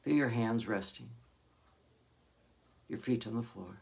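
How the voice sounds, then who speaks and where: A man's gravelly, mid-range voice leads this guided meditation, in his role as a hypnotherapist. He offers soothing, gentle guidance, pausing at length between phrases.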